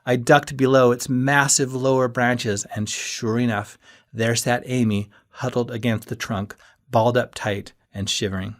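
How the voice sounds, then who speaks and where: A man's voice: mid-range voice, steady tone, measured pace. A man reading his own novel aloud as an audiobook, telling the story in an earnest first person. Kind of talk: audiobook narration.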